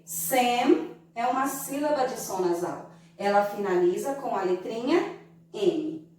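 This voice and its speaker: A Brazilian woman teacher giving a slow, didactic lesson to young children, stretching out syllables to show how they sound. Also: on the high side, animated, darkish tone, recorded from a distance. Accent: Brazilian Portuguese. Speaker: primary school teacher. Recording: very echoey room, voice from away from the mic.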